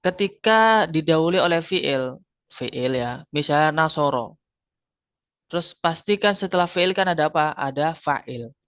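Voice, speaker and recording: A man's voice: a little high, animated, a little slow, fairly bright tone, clear, resonant tone, dry recording. A man teaching an Arabic grammar class, explaining patiently, repeating terms and quizzing his students. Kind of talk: online grammar lesson. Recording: dull lo-fi sound.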